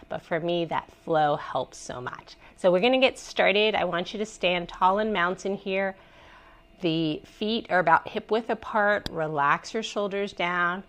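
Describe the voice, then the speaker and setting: A yoga instructor with a head cold leads a gentle flow from her messy living room, her lowish voice stuffy and congested. She offers soft, encouraging cues and lets out small sighs of pleasure as she stretches.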